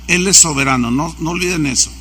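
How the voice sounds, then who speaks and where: A man's voice: fairly high pitch, fast talker, pushed and bright, slight background noise. A man, a pastor preaching a sermon and acting out the voices of people in his stories. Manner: anecdotal, acts out quoted dialogue.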